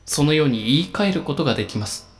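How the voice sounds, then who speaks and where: A man preaching a sermon as a pastor, in a slow, solemn and measured delivery with emphatic pauses. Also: fairly high pitch, expressive.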